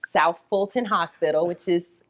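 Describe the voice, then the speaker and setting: A woman, a radio personality guesting on a chat show, telling animated stories and acting out quoted voices. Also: fairly low pitch, normal speed, a little hiss or hum. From Atlanta, Georgia. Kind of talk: casual interview storytelling.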